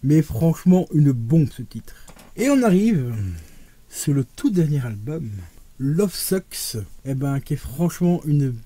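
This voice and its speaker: A man's voice: a little slow, no echo. A man chatting casually and enthusiastically to his viewers as he shows off his vinyl collection, talking to them like friends. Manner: animated, with sudden rises and drops in pitch and loudness. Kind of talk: casual unboxing vlog.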